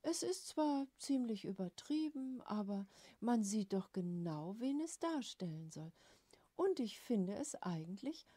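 A woman doing a calm middle-aged mother in a storybook reading, gentle and wry. She speaks slowly in a mellow, darker tone. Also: medium pitch, no echo.

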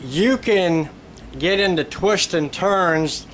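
Male interviewer, jokey drawl, mid pitch, clear room hum. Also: takes it slowly. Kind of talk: casual interview. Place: small dressing room, indoors. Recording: room audio with steady hum.

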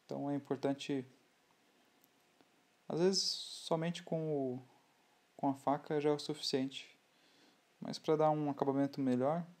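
A man with a Brazilian Portuguese accent explaining scale model building in a relaxed, halting way, often restarting his sentences. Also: on the high side. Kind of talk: hobby tutorial voice-over.

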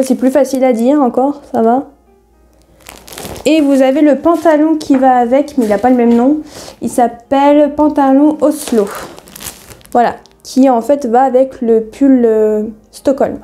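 Female vlogger, very warm and dark tone, chatty and meandering, laughs at herself. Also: high-pitched. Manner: rambling and chatty, many hesitations; self-deprecating, easily laughing. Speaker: sewing vlogger. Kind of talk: casual haul video chat.

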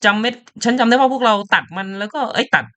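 A man voicing a bossy, nagging young woman in a game, in a high, shrill voice. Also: fast talker, pushed and bright. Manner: nagging, scolding.

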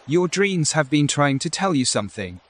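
Woman as a low, husky, concerned dad. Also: sing-song, moderate pace. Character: concerned human adoptive father. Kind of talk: animated game-story voice acting.

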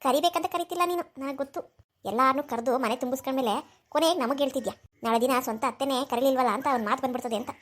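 A woman voicing a sharp-tongued, jealous village mother in a cartoon, with a grumbling, sarcastic way of talking. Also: high-pitched, very fast. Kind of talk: cartoon voice acting.

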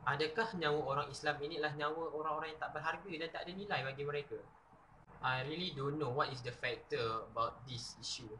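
A man's voice: mid-range voice, bright, forceful tone, a little hiss or hum. A young man with a Malaysian accent, talking earnestly to a camera in a dorm room and acting out short skits. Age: young adult. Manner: switches between earnest talk and mocking skits. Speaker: sketch vlogger. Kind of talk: video commentary with skits. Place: dormitory room, indoors. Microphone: camera mic at short distance. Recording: echoey room.

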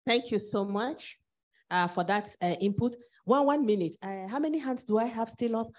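Brisk woman moderating a panel. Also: on the high side. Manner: brisk, counting hands. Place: conference hall.

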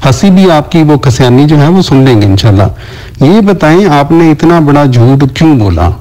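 A man's voice: a little high, very animated, warm tone, rough recording. A man in a recorded voice message, insistently repeating pointed questions to his opponent. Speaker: debater in voice messages.

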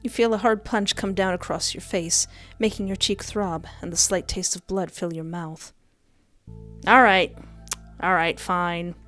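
A young woman narrates a visual novel on stream, reacting cheekily and sassily. Her lowish voice is a bit bright, fairly even, and a little slow, recorded at a desk via headset and close mic against faint game music.

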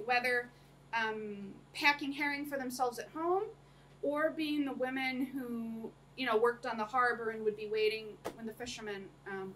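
In a small room with a projector screen, a young female lecturer delivers an academic talk to a few listeners, chatty and laughing often, with plenty of ums. Her pitch is fairly high and her tone fairly bright. A camera across the room captures her through a distant mic, with faint noise.

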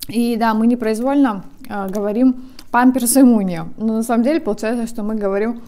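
Woman chewing while she talks, mouth full, slightly high voice, chatty food vlog at home. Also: steady tone, fairly quick, warm tone. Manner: chatty, explains things to viewers. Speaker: mukbang vlogger. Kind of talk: casual chat while eating.

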